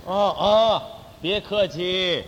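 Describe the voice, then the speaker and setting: A man's voice: sits high, slow pace, a bit bright, in a large hall, lo-fi sound, a little hiss or hum. A man playing a smug blustering fixer. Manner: blustering, bossy, talks down to his partner. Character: smug self-important middle-aged man who boasts of connections. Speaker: crosstalk comedian. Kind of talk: crosstalk stage comedy.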